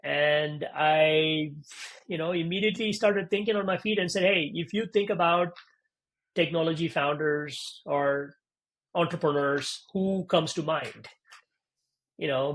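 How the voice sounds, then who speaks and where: A man from India talks through his startup story as an interview guest. His voice sits a little higher than most men's. He tells it animatedly and acts out the back-and-forth of conversations. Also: slightly rough. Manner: animated, acts out quoted dialogue, frequent "you know" and "right?".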